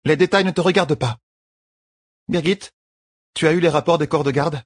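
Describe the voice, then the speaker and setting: A man voicing a strong-willed young queen with a firm, quick-tongued, slightly defensive manner, in an audiobook. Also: on the high side, slightly rough, no room sound, clean studio sound, pitched above the performer's own voice.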